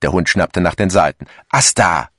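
Deep-voiced male audiobook narrator. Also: dry recording, studio quality. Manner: calm, measured storytelling. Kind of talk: scripted literary narration.

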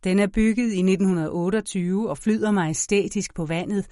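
A woman with a mid-range voice narrates an audiobook in a measured, expressive storytelling style. The recording is dry and of studio quality.

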